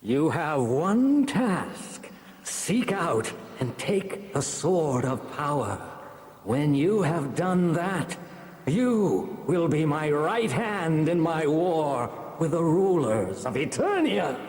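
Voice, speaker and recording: A high, menacing skeletal warlord declaims slowly and grandly in a storybook tale. His raging voice swoops dramatically through a long cavernous reverb. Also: very animated, a little mellow, heavily acted. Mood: commanding. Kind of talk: dramatised children's fantasy storybook reading.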